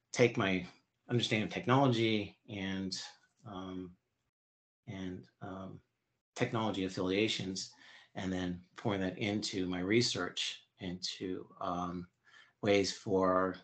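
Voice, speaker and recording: A man in his fifties answering interview questions in a halting, explanatory way. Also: sits low, little pitch movement, a bit bright. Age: 50s. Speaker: interview guest.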